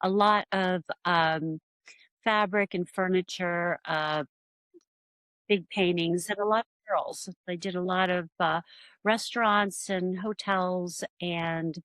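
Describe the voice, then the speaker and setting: Middle-aged woman artist from Pennsylvania, rambling storyteller, lowish voice, dry sound. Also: steady tone, fairly bright tone, smooth, no room sound, low-quality recording. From rural Pennsylvania, USA. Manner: rambling, many fillers, quick bursts. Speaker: artist, podcast guest. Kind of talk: relaxed interview storytelling.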